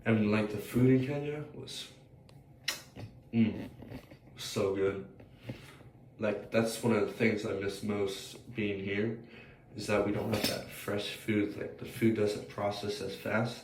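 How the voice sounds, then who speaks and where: In a lowish, darkish voice that stays steady at a measured pace, a young American vlogger thinks aloud in a hesitant, rambling, unscripted way. His voice is slightly scratchy, and the distant mic gives a roomy sound with faint noise.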